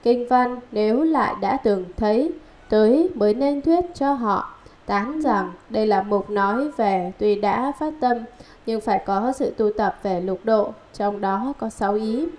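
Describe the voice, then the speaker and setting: Woman reading scripture commentary, measured. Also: a little high. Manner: measured, steady recitation with enumerated points. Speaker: reader of a Buddhist commentary.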